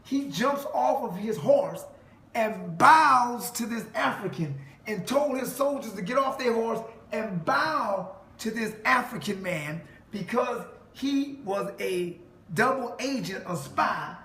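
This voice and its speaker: A man's voice: very high-pitched, lively intonation, takes it slowly, sharp tone. A man delivering an emphatic preaching monologue to a listener, quoting scripture and laughing mockingly. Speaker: self-styled preacher. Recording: echoey room with faint noise.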